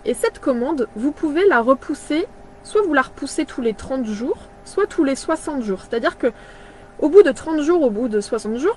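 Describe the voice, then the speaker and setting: A woman in her thirties chatting casually on a live video, pausing often with fillers and restarting her sentences. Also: high-pitched, a little mellow, a little hiss or hum. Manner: hesitant, many fillers and restarts. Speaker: brand partner presenting products.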